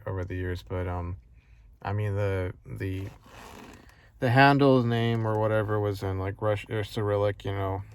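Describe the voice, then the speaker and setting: A man's voice: deep voice, a little hiss or hum. A man talking in a casual vlog monologue, rambling with many fillers and restarts, earnest and frustrated. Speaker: vlogger.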